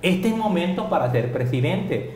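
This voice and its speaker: A man's voice: on the high side, big pitch swings, moderate pace, a little mellow, echoey room, a little hiss or hum. A man gives critical political commentary in a television studio discussion, pressing his point with rhetorical questions.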